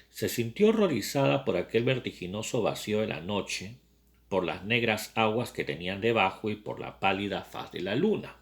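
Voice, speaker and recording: A man's voice: on the low side, fairly bright tone. A man reading a novel aloud and commenting on it as a lecturer, often adding rhetorical tag questions. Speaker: lecturer on literature.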